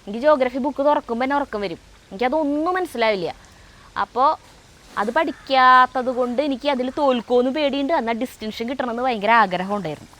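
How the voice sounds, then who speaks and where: A middle-aged woman tells a story in a relaxed, chatty way. She uses many fillers and stops to correct herself. Her voice sits a little high, and she talks in a home kitchen. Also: fast talker. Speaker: co-host of a family cooking vlog. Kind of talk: casual storytelling.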